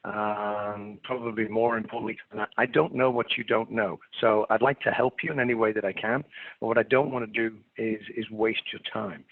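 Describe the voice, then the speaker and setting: A man's voice: lowish voice, steady tone, moderate pace, no echo. A middle-aged man with an English accent giving an informal webinar presentation, hesitant, polite and self-deprecating. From England. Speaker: webinar presenter, clinical consultant. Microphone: remote webinar call. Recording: narrow phone-like line.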